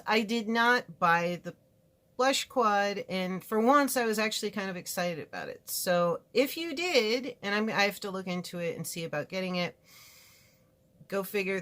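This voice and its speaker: In a casual product review chat, a woman from California, USA, goes over makeup in her home studio, talking frankly, chattily and ramblingly with asides. She's a beauty vlogger whose mid-range voice is a bit bright.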